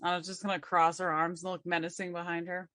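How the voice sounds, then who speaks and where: A woman's voice: lowish voice, little pitch movement, quick pace, bright, forceful tone, dry recording, studio quality. A woman playing a tabletop game and chatting casually with the other players.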